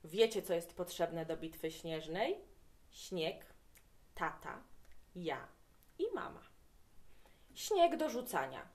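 A woman reading a children's story aloud to young listeners, with an expressive, animated delivery. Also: on the low side, slow pace, long pauses.

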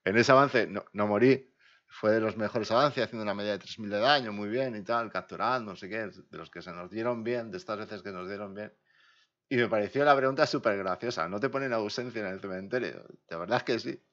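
A man from Spain chatting casually on a live game stream, slangy and rambling, often drifting quietly away from the mic. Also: lowish voice, brisk. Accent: Spain Spanish. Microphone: desk mic, sometimes far from it. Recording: dull lo-fi stream audio.

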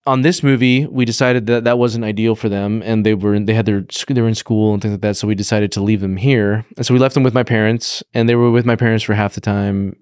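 A man's voice: fairly low pitch, fairly even intonation, fast talker, hardly any pauses, a little mellow, smooth, dry recording. Guest director, 30s man, dry wit, stop-start phrasing, clean dry studio sound. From California. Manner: dry, thoughtful, frequent restarts. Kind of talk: casual interview. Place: podcast studio, indoors. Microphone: studio mic on boom arm.

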